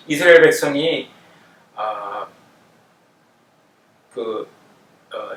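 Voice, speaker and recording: A man teaching a Bible study lesson in an explanatory way, often pausing with fillers as he explains. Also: mid-range voice, a bit bright. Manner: explanatory, with frequent fillers and hesitations. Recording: roomy, distant mic.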